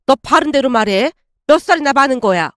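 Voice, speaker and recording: Anxious, scolding middle-aged mother, voiced by a woman; high, dry read. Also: expressive, brisk, a bit bright, dry recording. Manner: nagging, worried.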